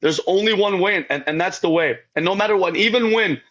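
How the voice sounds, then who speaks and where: A man's voice: high-pitched, fairly quick, fairly bright tone, highs cut off. A man giving an emotional faith testimony as a podcast guest, rambling and repeating himself, often calling the host by name.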